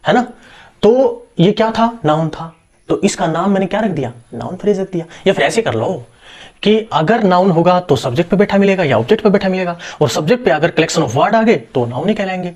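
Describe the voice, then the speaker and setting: A man's voice: high voice, expressive, fairly quick, a little mellow. A young man teaching a grammar lesson, explaining step by step, asking rhetorical questions and answering them himself. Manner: reassuring fillers and repeated checks. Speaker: English teacher.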